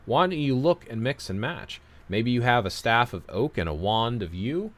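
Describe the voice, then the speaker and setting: A man's voice: medium pitch, animated, moderate pace. A man hosting a casual livestream, reading out viewer comments and giving long, rambling, self-deprecating opinions. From United States.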